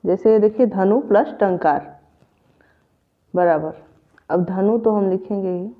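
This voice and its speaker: A woman with a mid-range, slightly slow voice teaches a grammar lesson for exam prep, patiently repeating every example step by step. The audio is tinny, like a phone.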